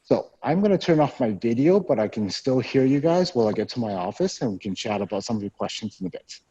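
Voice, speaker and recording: This man speaks fast and very animatedly in a mid-range, dark voice with a breathy edge. He's on the university staff, guiding a live virtual campus tour and answering questions, explaining things while a little out of breath from walking and often using "um" and "so." The recording is muffled and has no room sound.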